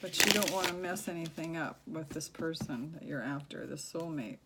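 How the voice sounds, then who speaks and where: A soft-spoken woman giving a tarot reading, talking low and halting with many fillers. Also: fairly even intonation, very noisy. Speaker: tarot reader.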